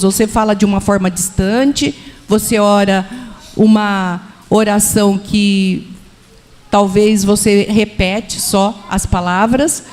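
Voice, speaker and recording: A woman's voice: medium pitch, darkish tone. Brazilian female church speaker, personal and questioning, reverberant hall sound. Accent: Brazilian Portuguese. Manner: personal, asks listeners questions. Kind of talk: sermon-style teaching. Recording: echoey hall with long reverb.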